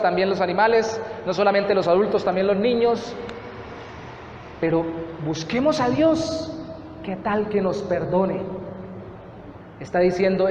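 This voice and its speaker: A man's voice: high-pitched, a little hiss or hum. A Colombian man preaching a sermon as pastor, earnest and repeating phrases for emphasis. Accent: Colombian Spanish. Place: church hall. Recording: echoey church hall, slightly dull.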